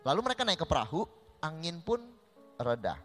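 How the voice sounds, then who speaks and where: A man's voice: fairly high pitch, very animated, brisk, a bit bright, soft background music. A male pastor with an Indonesian accent, preaching a sermon that mixes Indonesian with English phrases and often calls listeners "saudara".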